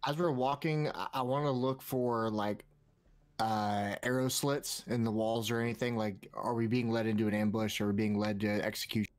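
A man taking part as a player in a tabletop fantasy game, speaking hesitantly with pauses and fillers. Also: on the low side, steady tone.

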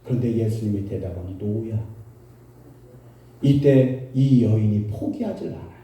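A male pastor preaching a sermon, telling a story with emphatic repetition and animated delivery. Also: lowish voice, unhurried. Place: church sanctuary. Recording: echoey hall from far off.

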